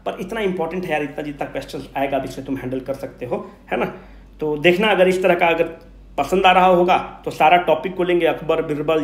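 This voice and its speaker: In an echoey room, a man with a slightly high voice teaches an informal exam-coaching history class in Hindi, mixing in English phrases. He is emphatic and repetitive, hammering key points and asking rhetorical questions he then answers himself.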